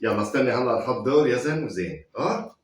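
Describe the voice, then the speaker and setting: A man's voice: mid-range voice, expressive, fast, far from the mic. A man, chatting casually and teasing his family during a laughing challenge. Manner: playful, teasing, laughs often. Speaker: father hosting a family reaction game. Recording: very echoey room, voice off-mic, faint noise.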